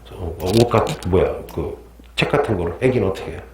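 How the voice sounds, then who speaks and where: A man's voice: sits low, lively intonation, fast, reverberant. A middle-aged man teaching a history class, quizzing his students and joking and laughing with them as he lectures.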